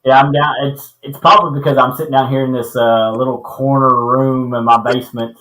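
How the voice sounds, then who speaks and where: A man's voice: mid-range voice, little pitch movement, brisk, bright, forceful tone, reverberant, rough recording. A man co-hosting a casual fishing livestream from a small basement corner room, his voice hollow as if through a pipe, greeting viewers and teasing friends. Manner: laid-back, teasing, friendly. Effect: hollow pipe-like sound from a small basement corner room.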